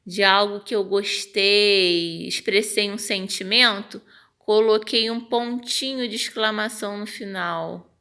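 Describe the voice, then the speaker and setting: Brazilian woman teacher with a gravelly voice. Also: medium pitch, takes it slowly. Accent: Brazilian Portuguese. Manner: patient, explains step by step, checks in with "tá?"; acts out example phrases with lively intonation. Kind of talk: online grammar lesson.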